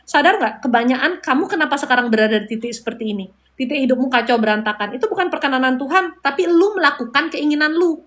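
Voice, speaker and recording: Balinese woman, live-stream spiritual host, chatty, playful asides, fairly high voice. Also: a bit bright. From Bali, Indonesia. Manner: chatty, mixes advice with playful asides and laughs. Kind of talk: casual live-stream preaching.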